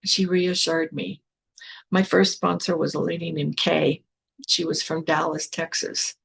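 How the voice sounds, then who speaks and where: Older lady, gravelly husky voice, talking straight and blunt about her life. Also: low-pitched, little pitch movement, measured pace. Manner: frank and blunt, with casual swearing. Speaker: spiritual teacher hosting a podcast. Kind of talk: candid personal storytelling.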